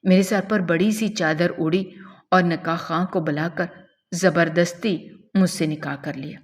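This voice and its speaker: A woman's voice: on the low side, fairly even intonation. A woman telling a dramatic first-person story in an earnest narration style.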